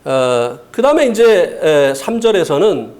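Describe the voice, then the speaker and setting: A male pastor preaching a sermon with a high, lively voice that swoops up and down. He keeps checking in with the congregation and now and then acts out a coaxing, tempting voice. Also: measured pace. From South Korea.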